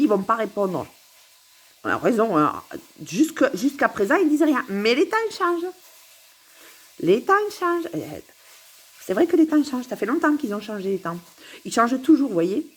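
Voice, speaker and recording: Husky, musing woman rambling to camera. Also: a little high. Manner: musing, giggly, repeats herself. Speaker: vlogger. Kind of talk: rambling philosophical monologue to camera. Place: at home.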